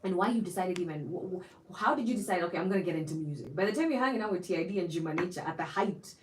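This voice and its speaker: A woman's voice: on the low side, animated, racing, recorded from a distance. A woman hosting a casual interview, curious and asking probing questions with short prompts. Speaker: show host. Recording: echoey room with faint noise.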